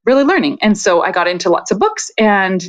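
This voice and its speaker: A woman's voice: mid-range voice, sing-song, brisk, dry recording. A woman guest in a podcast interview, talking reflectively with frequent fillers. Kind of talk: casual interview talk.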